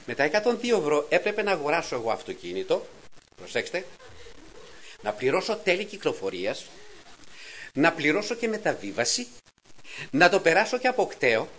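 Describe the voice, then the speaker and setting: Animated middle-aged male preacher telling a story. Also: high-pitched, rough recording. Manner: animated storytelling, acts out quotes in a raised voice. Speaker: preacher giving a testimony. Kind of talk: testimony sermon to a congregation.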